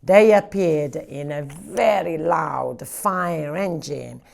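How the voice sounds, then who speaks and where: A woman working as a library storyteller, reading a picture book aloud to children in an animated way and acting out the sound effects. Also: deep voice, slow pace, creaky.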